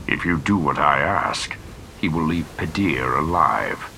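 A man voicing a desperate male Sith high lord whose helmet gives his voice a droning sound, often hushed and whispery. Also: lively intonation, unhurried, gravelly, slight background noise, heavily acted. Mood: menacing hush. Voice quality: droning through a helmet voice box. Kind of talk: audiobook character voice.

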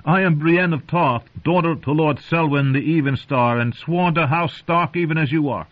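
A man's voice: on the high side, moderate pace, pitched above the performer's own voice, natural voice. An earnest, stubborn young woman knight who presses every point, with a male narrator raising his voice to play her. The audiobook sound is muffled and lo-fi. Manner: earnest, insistent. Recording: dull lo-fi audio.

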